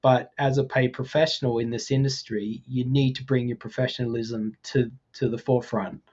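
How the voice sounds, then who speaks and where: A man's voice: medium pitch, level tone, moderate pace, darkish tone, breathy edge, muffled recording. Australian-raised man, forty, easygoing podcast guest. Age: 40s. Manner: thoughtful, hesitant with ums and restarts. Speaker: guest, VFX artist. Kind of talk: casual podcast conversation.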